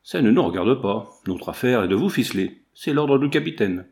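A man's voice: mid-range voice, animated, normal speed, a little mellow, lightly acted. A man voicing a sneering brutal bandit. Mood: gruff. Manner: gruff, mocking, gloating. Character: brutal English renegade bandit, male, sneering. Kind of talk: audiobook character voice.

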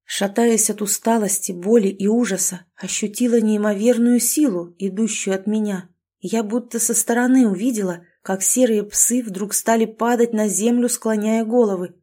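A woman reading a dark fantasy story aloud in the first person, with an expressive, intense delivery. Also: medium pitch, moderate pace. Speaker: audiobook narrator.

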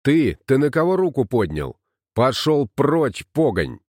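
A man's voice: mid-range voice, sing-song, measured pace, a little mellow, dry recording, clean studio sound, voice pushed up. A man reading an audiobook, voicing a burly, bullying village headman who blusters and threatens. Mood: angry.

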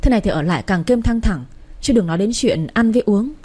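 A woman's voice: mid-range voice, animated, fast, mellow, slightly rough. A woman voicing a frustrated young husband who firmly defends his wife. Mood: exasperated. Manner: firm, exasperated.

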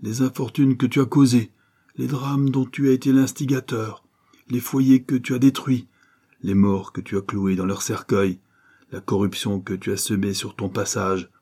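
A man's voice: mid-range voice, steady tone, normal speed, warm tone, breathy edge. A man voicing a stern, wrathful older former convict who accuses in a thundering way, read as an audiobook. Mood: accusing. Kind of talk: audiobook reading.

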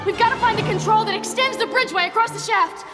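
Bold young princess, really high voice, sharp and quick, loud music. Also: female voice. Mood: urgent. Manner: quick, forceful, decisive.

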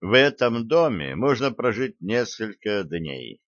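Man reading Archer, a slow calm schemer. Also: lowish voice, no echo, highs cut off. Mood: calm scheming. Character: bitter male schemer Archer, calm and smiling.

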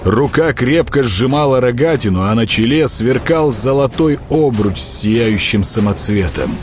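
A man narrating an audiobook in an expressive, animated reading. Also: mid-range voice. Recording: narration with faint music behind.

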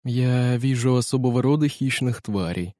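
A male narrator voicing an old bishop who speaks in a calm, solemn, measured way. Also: mid-range voice, dry recording, studio quality, natural voice.

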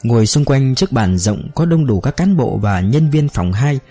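A male audiobook narrator telling a novel in a steady manner. His pitch moves expressively and his tone is mellow. Faint music runs underneath. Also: moderate pace, husky, dry recording. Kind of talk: scripted narration.

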